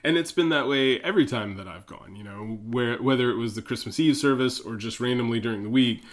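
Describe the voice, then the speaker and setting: Man, pastor co-host, relaxed halting chat, mid-pitched voice. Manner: halting, restarts, easygoing and playful. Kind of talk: casual chat.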